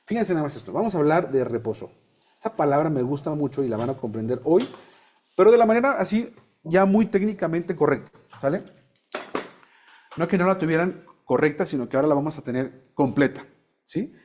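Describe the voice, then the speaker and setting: A man teaching a Bible class, explaining slowly and quizzing his students with the odd joke. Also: on the high side, expressive, darkish tone.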